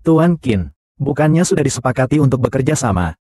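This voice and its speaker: One man voices every role in a dubbed short drama with the same flat, even delivery, recorded close on a studio mic. He speaks brisk and medium-pitched, with no echo.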